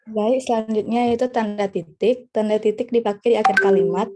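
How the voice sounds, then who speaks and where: A woman's voice: medium pitch, steady tone, fairly quick, darkish tone. A young woman student giving a class presentation, reading her points as a list with slight hesitation.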